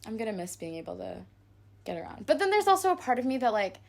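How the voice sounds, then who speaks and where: A woman's voice: fairly high pitch, big pitch swings, fast, creaky. A young woman in her late teens co-hosting a podcast, wistful and dreamy, laughing between words. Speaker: podcast co-host. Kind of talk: casual chat.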